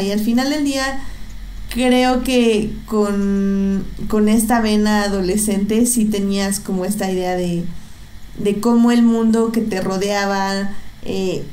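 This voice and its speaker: A woman's voice: mid-range voice, a little mellow. Echoey, hesitant young Mexican woman. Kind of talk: casual conversation about films. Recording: echoey room, faint background noise.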